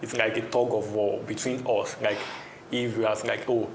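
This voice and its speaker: A man's voice: fairly low pitch, level tone, normal speed. A young Nigerian man answering casually as an interview guest, repeating words for emphasis. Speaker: interview guest, trading competition participant. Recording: echoey room, faint noise.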